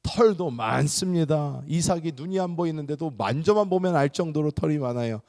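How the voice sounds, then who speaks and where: A man's voice: a little high, brisk, studio quality. A male pastor preaching a sermon, telling stories and acting out the voices of the people in them. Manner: animated storytelling, acting out quoted voices. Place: large church sanctuary. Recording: reverberant church hall.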